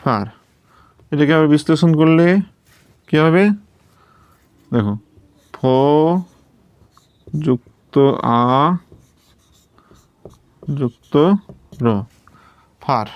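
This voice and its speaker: A man's voice: on the high side, extremely slow, pauses often, a little mellow, clear, resonant tone, dry recording. A man teaching English pronunciation, patiently spelling out each sound step by step and checking that his students follow. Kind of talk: slow step-by-step lesson at a writing board.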